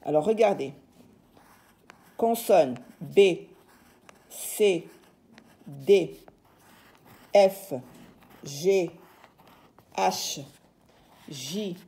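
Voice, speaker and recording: A woman teacher works through letters and syllables at a very slow, deliberate pace, sounding out each one patiently. Her voice sits somewhat low and dark, mellow in tone. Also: gravelly. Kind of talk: reading and spelling lesson.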